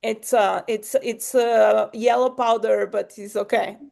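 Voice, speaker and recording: Short on sleep, this podcast host from Portugal rambles through a casual chat, laughing and interrupting herself. Her voice is on the high side with fairly even intonation, a little slow, creaky and a little mellow.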